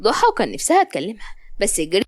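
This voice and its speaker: A woman's voice: mid-range voice, fast, no echo, clean studio sound. A woman with an Upper Egyptian accent narrating a serialized story in a chatty way, talking straight to her listeners. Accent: Upper Egyptian (Sa'idi). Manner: chatty, animated, addresses listeners directly.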